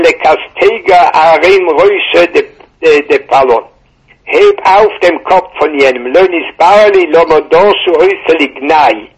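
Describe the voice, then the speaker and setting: A man teaching a Torah class, halting and repeating words, mixing Hebrew into with a tinge, over a muffled phone line. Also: sits high, vocal fry, breathy edge.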